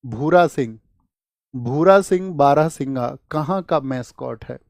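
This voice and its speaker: A man teaching a coaching class, quizzing students and repeating key words with animated energy. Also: mid-range voice, a little slow, gravelly, dry recording, studio quality. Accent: Hindi. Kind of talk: classroom lecture.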